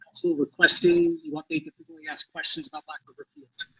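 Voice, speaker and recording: A man giving public comment at a council meeting by phone. The call audio is glitchy and keeps breaking up. He is polite and apologetic, halting with many "uh"s. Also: fairly high pitch, level tone, a loud crowd. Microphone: phone dial-in. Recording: muffled lo-fi call line with faint noise.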